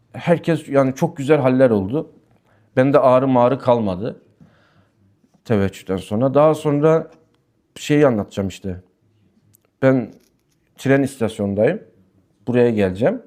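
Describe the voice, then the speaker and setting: A man speaking in a somewhat high voice, leading a weekly Sufi gathering. He tells stories with lively swings of pitch, then reads passages aloud and explains them in plain terms. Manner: lively storytelling, pitch rising and falling sharply. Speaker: Sufi sheikh giving a weekly talk. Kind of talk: religious talk with personal anecdotes and text commentary.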